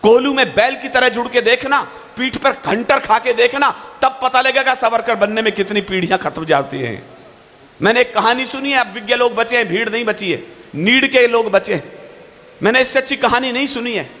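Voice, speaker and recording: Fiery high-voiced man reciting poetry. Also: sharp tone. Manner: fiery, declaiming, stretches verse lines slowly. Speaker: poet on stage. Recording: long hall reverb.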